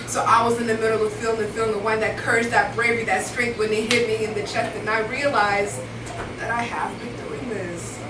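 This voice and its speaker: High-voiced woman from Rwanda performing poetry. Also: steady tone, brisk, noisy background. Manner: earnest, rhythmic, building repetition. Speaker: spoken word poet. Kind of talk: live spoken word poetry performance. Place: indoor live venue. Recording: echoey room, voice from far off, music behind.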